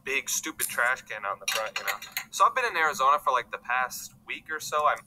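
A man's voice: mid-range voice, big pitch swings, fairly quick, bright, forceful tone, a little hiss or hum, rough recording. A man doing casual vlog talk to the camera, rambling and joking, calling people "bro". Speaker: vlogger.

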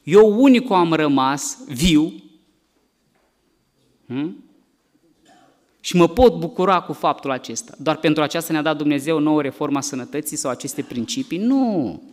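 A middle-aged man, a doctor, giving a lively health lecture to a church congregation, asking the audience questions and acting out cries. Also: fairly high pitch. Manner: animated, asks the audience questions, acts out cries.

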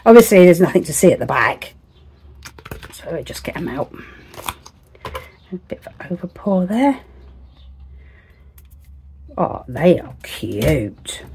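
A woman's voice: sits low, very animated, slow pace, long pauses, a little mellow, slightly rough. A woman crafting at home, thinking aloud in chatty, self-deprecating asides that sometimes drop to a whisper. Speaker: resin crafter. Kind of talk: casual crafting commentary.

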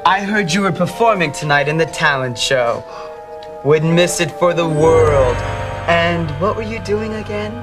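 A scheming high school villain, smug and sneering with mock politeness. He takes his words slowly over music, in hammy kids' TV style. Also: lively intonation. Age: young adult. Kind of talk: TV teen villain acting.

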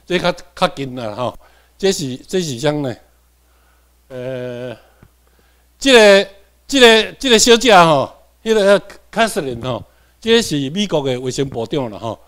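A man's voice: mid-range voice, big pitch swings, moderate pace, a bit bright. A man from Tainan, Taiwan, with a Taiwanese accent, giving a classroom lecture. He repeats key points and keeps checking in with his students.

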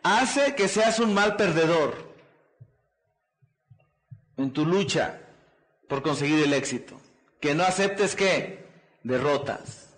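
Slow and full of long pauses, this man's fairly high, fairly bright voice carries lively intonation. Addressing a seminar as a motivational speaker, he repeats rousing phrases and calls out "¿qué?" and "¿verdad?" for the crowd to answer.

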